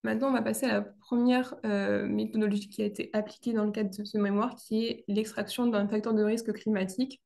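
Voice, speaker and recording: A young woman presenting her thesis, speaking in a hesitant way with many pauses and restarts. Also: medium pitch, level tone, vocal fry, warm tone.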